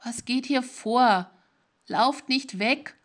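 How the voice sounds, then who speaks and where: A man's voice: extremely high pitch, slow. A woman voicing a confused stranger in a grey cowl, pleading and growing pushy. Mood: frantic.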